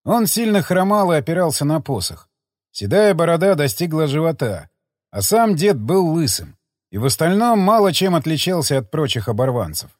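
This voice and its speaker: A man narrating an audiobook in an expressive storytelling manner. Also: on the high side, normal speed, no echo, clean studio sound. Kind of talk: scripted narration.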